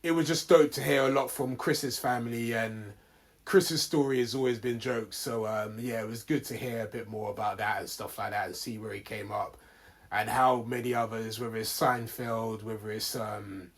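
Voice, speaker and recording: A man with a London roadman accent hosts a casual film review. His pitch sits in the middle, and he talks in loose urban slang, as if chatting with a friend. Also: fairly even intonation, normal speed, husky. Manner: slangy, with bruv and man dem. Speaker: podcast co-host reviewing films.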